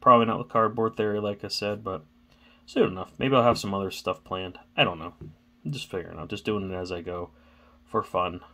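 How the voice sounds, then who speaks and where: A man's voice: lowish voice, fairly even intonation, fairly quick, bright, forceful tone. A man hosting a casual card-opening vlog, rambling and thinking aloud as he talks, with some stammering. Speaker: card-opening channel host.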